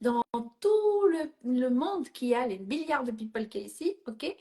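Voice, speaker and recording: Woman coach, middle-aged, raised pitch; directive, frequent check-ins, code-switches into English. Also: big pitch swings, moderate pace, mellow. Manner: mixes English phrases into French. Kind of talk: live coaching session.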